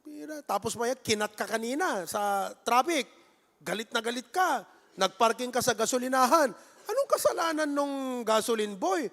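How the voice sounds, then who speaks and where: A man with a Filipino accent, a pastor who preaches in a lively, conversational way and jokes with his congregation. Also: very high voice, normal speed. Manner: playful, jokes with the congregation and acts out little scenes. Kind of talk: sermon. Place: church sanctuary. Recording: echoey church hall.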